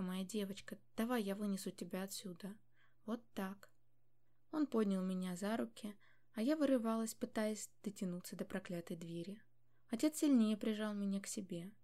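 A woman narrates a first-person audiobook in a mellow tone. Her reading is tense and emotional, with a medium pitch.

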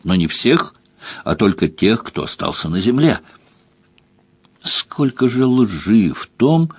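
A man reads a novel aloud in a steady, unhurried storytelling manner. His voice sits low. The recording is dry and close, with no room sound. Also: no room sound. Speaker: audiobook narrator. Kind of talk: scripted narration.

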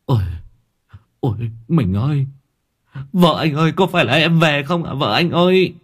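A man's voice: fairly high pitch, expressive, normal speed, a bit bright, husky, voice pushed up. A man voicing a melodramatic husband pleading and fake-sobbing for his dead wife.

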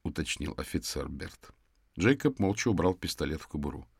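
Man, audiobook narrator, very low voice, calm measured reading, dry close sound. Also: creaky, husky, no echo. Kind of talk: scripted narration.

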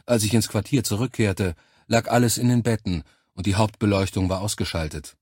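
A man reading a science fiction novel aloud in calm, measured first-person narration. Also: fairly low pitch, husky, no room sound, studio quality. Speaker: audiobook narrator.

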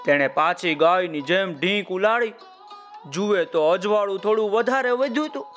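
A man narrating a children's story in a lively way, talking to his listeners by name. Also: sits high, normal speed, soft background music.

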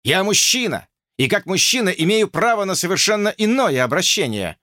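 Casting: a man doing an eager young suitor, insistent and stumbling, lively pitch, dry sound. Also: normal speed, no echo, full character voice. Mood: agitated. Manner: insistent, flustered, stammering. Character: agitated, lovesick young man George.

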